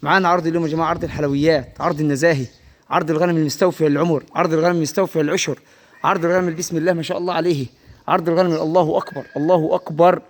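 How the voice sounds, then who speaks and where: A man with an Upper Egyptian Arabic accent giving a livestock sales pitch in the chanting, repetitive manner of a street vendor. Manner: chanting, repetitive hawking with repeated praise phrases. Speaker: livestock seller presenting sheep for sale.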